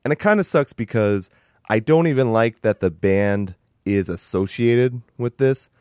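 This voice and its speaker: A man's voice: fairly low pitch, expressive, unhurried, darkish tone, dry recording. A young adult man hosting a podcast in casual chat, congested from sinus trouble, with a dry, self-mocking humor. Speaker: podcast host.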